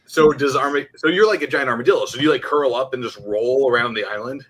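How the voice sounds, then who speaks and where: A man with a medium-pitched voice runs a tabletop role-playing game. He narrates casually, prompting the players with questions. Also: fast, fairly bright tone. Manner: conversational, directing players with questions. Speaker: game master.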